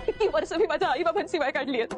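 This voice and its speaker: A woman's voice: high-pitched, animated, rapid-fire. An actress playing a tearful, self-pitying young woman who pleads and repeats herself in a TV serial. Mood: pleading. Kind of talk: TV serial drama. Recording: TV clip with loud music.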